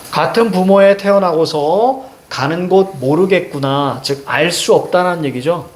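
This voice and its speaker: A male teacher leads a classroom lesson with a lively, swooping delivery. His voice sits a little high for a man. He keeps stopping to quiz his students and check they follow. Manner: animated, questioning students, drawing on a board. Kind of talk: classroom lecture.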